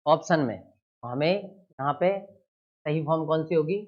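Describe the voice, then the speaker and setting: Slow-speaking man teaching a grammar lesson. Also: a little high, lively intonation, lo-fi sound. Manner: asks questions and answers them himself, stresses key words loudly. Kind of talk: exam-prep grammar lesson.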